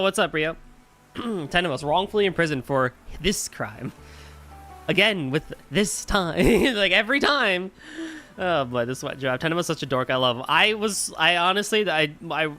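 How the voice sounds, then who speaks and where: A streamer giving casual, excitable live commentary on a game. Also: medium pitch. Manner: excitable, reads game dialogue aloud playfully. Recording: game music behind.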